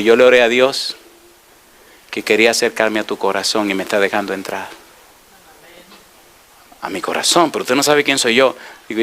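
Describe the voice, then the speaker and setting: A male pastor delivering an animated storytelling sermon, asking the congregation rhetorical questions. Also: lowish voice.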